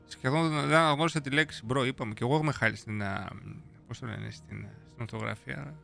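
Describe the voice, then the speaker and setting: Gravelly, bright-voiced young man streaming. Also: mid-range voice. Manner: playful, slangy, reads chat aloud. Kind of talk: casual live-stream chat. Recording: faint music behind.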